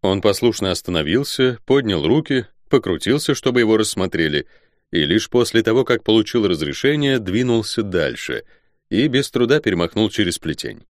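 Male audiobook narrator, low voice, lively expressive reading, dry close sound. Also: normal speed, no room sound. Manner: expressive storytelling. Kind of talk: scripted fantasy narration.

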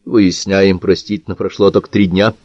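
A male audiobook reader voicing a composed head of an anti-terror agency who reports in a dry, measured way. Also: deep voice, level tone, darkish tone, no room sound, muffled recording. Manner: dry, measured, matter-of-fact. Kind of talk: audiobook character reading.

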